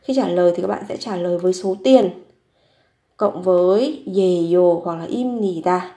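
Lowish, warm, and fairly quick, this woman's voice belongs to a Korean teacher. She patiently repeats vocabulary and questions herself while explaining example sentences, with a roomy echo around her.

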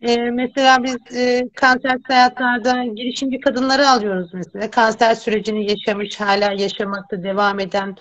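A woman's voice: fairly high pitch, flat delivery, normal speed, few pauses, fairly bright tone, no echo, dull audio. A woman in her fifties hosting a casual talk-show conversation, speaking in an upbeat, emphatic way.

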